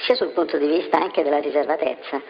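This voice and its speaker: Anonymous male source, voice masked by a deep pitch shift, gravelly texture, halting speech full of fillers, dull lo-fi sound. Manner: hesitant, many fillers and restarts. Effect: voice disguised, pitch-shifted deep. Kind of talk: interview answers. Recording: dull lo-fi with faint noise.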